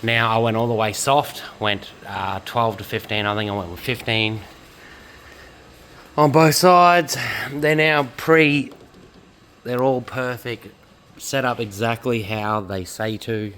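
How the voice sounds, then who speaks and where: A man's voice: medium pitch, slow pace, a bit bright, a little hiss or hum, low-quality recording. An Australian man vlogging casually from his garage workshop as he preps his drift car, rambling and swearing as he talks. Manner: rambling and profane, laid-back storytelling. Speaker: car builder and drift driver.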